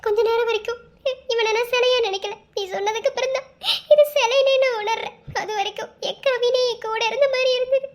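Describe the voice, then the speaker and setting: A woman's voice: very high-pitched, fairly even intonation, fairly quick. A woman voicing a heartbroken young wife. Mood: sad. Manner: soft, pleading monologue, later possessive and scolding. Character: young pregnant woman grieving her absent husband. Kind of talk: amateur cartoon voice acting.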